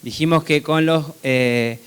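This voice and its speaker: A man's voice: fairly high pitch, slow pace, clear, resonant tone. A man with an Argentine accent gives a technical product presentation conversationally, often checking in with short tag questions. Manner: conversational, seeking agreement with frequent tag questions. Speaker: seed company presenter.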